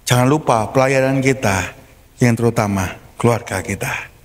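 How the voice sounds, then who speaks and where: A male pastor, preaching a sermon as a lively storyteller who acts out the voices of the people in his stories. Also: mid-range voice, moderate pace. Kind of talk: sermon with acted-out quotes. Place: church hall. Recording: long church-hall reverb.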